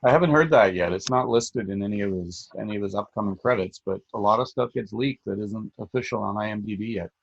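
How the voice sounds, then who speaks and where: Middle-aged male critic, husky and gravelly, on a dull lo-fi track. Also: on the low side. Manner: measured, reflective storytelling. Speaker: podcast co-host, film critic. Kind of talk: casual film talk. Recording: dull lo-fi sound.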